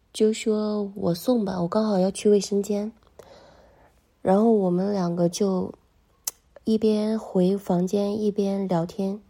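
A young adult woman telling a first-person story in a soft, intimate manner that often drops to a whisper. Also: mid-range voice.

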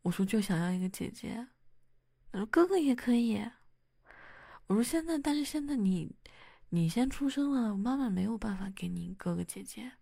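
A young wife murmurs and chatters to her husband in a whispered role-play, as a woman acts her out. Her voice sits a little high and carries a gravelly creak, with moments of flustered teasing. The sound is close and dry. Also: animated, moderate pace, no echo. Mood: storytelling. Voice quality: soft whispery delivery.

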